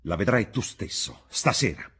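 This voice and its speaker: A man reading the part of an arrogant, scornful young gentleman in an audiobook, with a sneering, cutting manner. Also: lowish voice, animated, normal speed, slightly rough, pitched above the performer's own voice. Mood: defiant.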